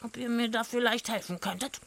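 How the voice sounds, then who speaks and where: A woman voicing a greedy, boastful male dwarf who croaks and brags, in a children's audio story. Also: a little high, steady tone, brisk, a bit bright. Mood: scheming. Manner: croaking, bragging.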